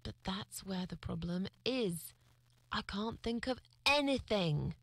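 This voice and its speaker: An actress voicing a withdrawn, reluctant middle-aged woman, quiet and mumbling. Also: medium pitch, lively intonation, takes it slowly, no room sound, low-quality recording. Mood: irritated. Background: game music.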